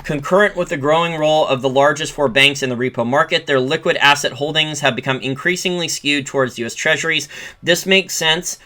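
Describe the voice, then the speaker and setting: Man, bright tense voice, sarcastic finance commentary, reads a report aloud. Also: fairly high pitch, a little fast. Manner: sarcastic, ranting asides. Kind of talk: solo commentary reading a report.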